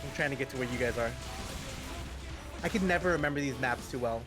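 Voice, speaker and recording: A man's voice: mid-range voice, fast, over music. An American man chatting casually during a game stream, swearing freely and using many fillers. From United States. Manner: profane, animated, fillers like um. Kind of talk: casual gaming chat.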